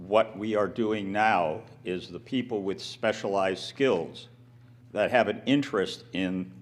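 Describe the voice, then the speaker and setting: A man with a very low voice explains things at a town meeting. His delivery is plain and deliberate, in the way of public remarks. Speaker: speaker on town governance.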